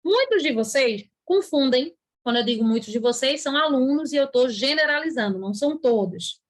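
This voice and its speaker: A woman with a high voice gives an online grammar lesson. She explains patiently and stretches the words she wants to stress, now and then voicing a student's question herself. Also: animated, brisk. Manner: writes on a board while talking. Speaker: teacher.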